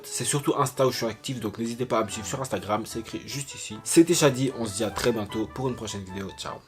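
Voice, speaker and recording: Young male vlogger, chatty and self-mocking, medium pitch, soft music bed underneath. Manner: chatty, self-mocking, reads quiz questions aloud. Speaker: YouTuber. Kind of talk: casual vlog commentary.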